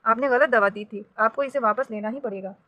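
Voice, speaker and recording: A woman's voice: fairly high pitch, brisk, pushed and bright, dry recording. A woman voicing a stern, protective middle-aged father in a read-aloud storybook, speaking in a raised voice.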